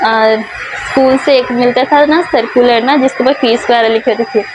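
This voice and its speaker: A woman's voice: fairly high pitch, steady tone, moderate pace, background noise. A young Pakistani woman with a Pakistani Urdu accent vlogging in a casual, rambling way, short of breath from a sore throat. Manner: soft, rambling, many fillers. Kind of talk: casual personal vlog.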